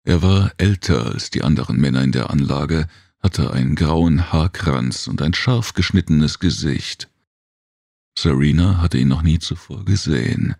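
A man's voice: rumbling low, unhurried, creaky, a little mellow, no room sound, studio quality. A man reading a science fiction story as an audiobook narrator.

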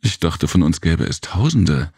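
Guy doing a teasing young warrior girl for a storybook, sing-songy, coy, bit raspy. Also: low voice, sing-song, a little slow, a little mellow, dry recording, studio quality, voice pushed up, full character voice. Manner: lilting, coy, sing-song.

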